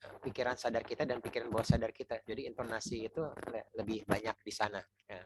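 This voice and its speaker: A man teaching public speaking in a loose, chatty way, repeating words, restarting sentences and tagging them with little checks to the listener. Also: fairly low pitch. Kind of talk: informal teaching talk.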